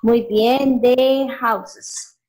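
Woman, high-pitched, patient coaching teacher, echoes answers. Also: fairly even intonation, extremely slow, a little mellow. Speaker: English teacher. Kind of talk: beginner English lesson dialogue.

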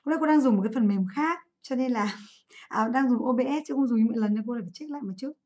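A woman with a fairly high voice runs a live online English class. She talks in a chatty way and keeps asking students to comment. She corrects her own slips as she goes. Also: fast talker, mellow. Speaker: English teacher. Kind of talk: live online class, going over an exam.

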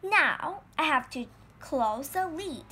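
A woman's voice: high voice, expressive, slow pace, pushed and bright, full character voice. A woman voicing a proud, bragging young female caterpillar in a read-aloud storybook. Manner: boastful, self-satisfied.

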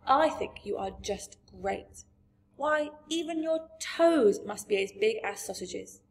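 A woman's voice: on the high side, expressive, slow pace, creaky, exaggerated voice. A woman voicing a curious, kind young girl in a storybook, earnest and questioning. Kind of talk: storybook character voice.

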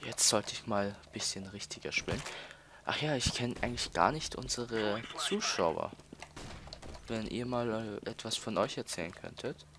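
Against background noise, a teenage let's player from Austria talks at a normal pace in a voice on the low side while playing. His casual gameplay chatter is filled with stalling, repeated words and lots of fillers.

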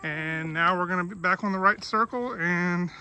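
A man with a high-sitting, bright and forceful voice narrates a family hiking vlog at a moderate pace. As a family vlogger, he chats and points things out while walking along a trail in a coastal park. There's a little hiss or hum on the recording.

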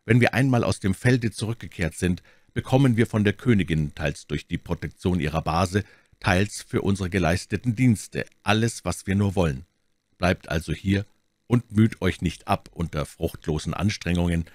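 A bold, impetuous young swordsman, played by a male reader in a storybook reading. He speaks with confident drive, lifting his voice above the reader's deep own tone. Dry, close sound. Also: dry recording. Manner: confident, urging, quickly excited.

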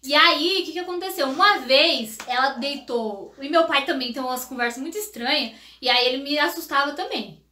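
Bright high-voiced young woman vlogging. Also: brisk. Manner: animated, speaks straight to viewers. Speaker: vlog host, the daughter. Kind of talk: casual chat with viewers. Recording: echoey home room.

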